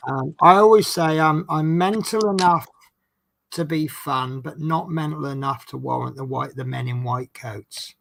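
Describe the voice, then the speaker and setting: A man's voice: on the high side, unhurried, creaky, a bit bright. A man with a Norfolk accent chatting casually in a jokey, self-deprecating, rambling way as he hosts a live stream. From Norfolk, England. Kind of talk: casual chat.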